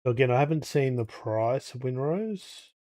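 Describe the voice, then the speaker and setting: Tired and congested, a game streamer chats casually during a livestream, rambling and thinking aloud as he plays. His voice is medium-pitched, mellow, and animated, at a moderate pace.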